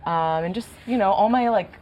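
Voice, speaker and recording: A woman's voice: mid-range voice, a little fast, muffled recording, slight background noise. A woman who runs an amp repair shop, chatting casually and giving short, easygoing answers in an interview. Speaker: amp technician and shop owner.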